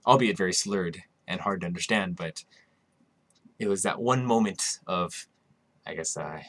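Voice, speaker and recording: Deep-voiced man rambling through a story. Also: a little slow, fairly bright tone. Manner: rambling, with frequent restarts and asides. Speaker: podcast host; musician. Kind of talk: casual storytelling monologue.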